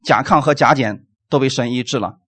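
A man preaching a sermon, animated and full of rhetorical questions, closing his points with "amen". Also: medium pitch, fairly quick, husky.

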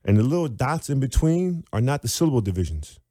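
Male teacher-author guest, animated explainer, low warm voice, dry close sound. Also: fast, no room sound. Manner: animated, demonstrates sounds aloud.

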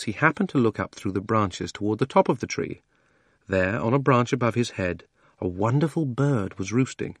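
A man narrating a children's audiobook in a measured, gently wry storytelling manner. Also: mid-range voice, breathy edge, no room sound, studio quality.

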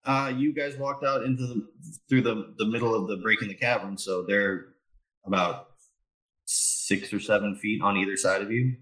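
A man running a tabletop game as game master, setting scenes in an unhurried way with plenty of fillers. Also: lowish voice, fairly even intonation, fairly bright tone, distant mic, low-quality recording.

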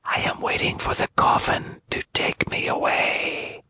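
Guy doing a spooky dead girl, barely whispering, slow and faint. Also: pushed and bright. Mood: ghostly. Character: dead pale girl with azure hair, faint.

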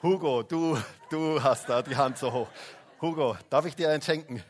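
A man's voice: on the high side, moderate pace. A man preaching a Christmas sermon in a church service, chatting with the children and often tagging questions with "hä?". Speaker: pastor. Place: church service, also livestreamed.

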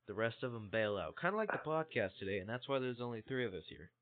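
A man's voice: medium pitch, lively intonation, fast. Swearing man on a tinny voice chat. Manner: swears a lot, rambling storyteller. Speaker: podcast co-host. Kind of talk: crude casual chat. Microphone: online voice chat.

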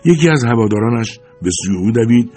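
A man reading a novel aloud as an audiobook narrator, in steady, measured scripted narration. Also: medium pitch, faint music behind.

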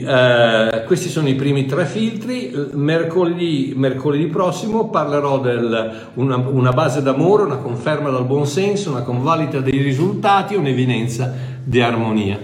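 An older man preaches in a conversational way, speaking directly to his listeners at a middle pitch. He drives points home by repeating short phrases and often restarts mid-sentence. The sound is noticeably echoey, like a reverberant room. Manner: emphatic repetition, self-correcting, conversational. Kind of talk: informal sermon, teaching directly to listeners.

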